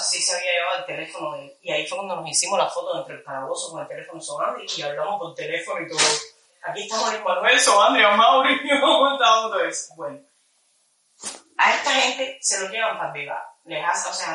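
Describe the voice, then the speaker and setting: A woman recounting events in casual conversation, animated and acting out the voices of the people she quotes. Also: medium pitch. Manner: animated, acts out quoted voices, drops to a near whisper. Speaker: activist recounting an arrest. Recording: echoey room, distant mic.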